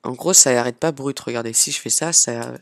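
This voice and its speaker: A man casually hosting a software tutorial, chatting along as he clicks and filling pauses with little "hop" and "voilà" sounds. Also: mid-range voice, gravelly, no echo, studio quality, soft background music. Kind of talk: casual screen-recorded tutorial.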